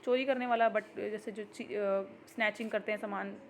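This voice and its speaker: A woman teaching an exam-prep grammar lesson, explaining patiently and reading example sentences slowly. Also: medium pitch, steady tone, slight background noise.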